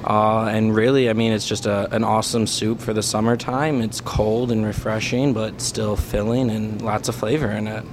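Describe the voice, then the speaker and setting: A man who works as a co-op cook, describing his food in a plain, unhurried way. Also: fairly low pitch, level tone, a little hiss or hum. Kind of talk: interview clip.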